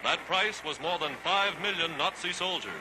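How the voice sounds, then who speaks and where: A man's voice: fairly high pitch, normal speed, poor audio. A man narrating a 1940s newsreel in a dramatic, declamatory, scripted style. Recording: vintage 1940s newsreel soundtrack, loud music. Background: loud music.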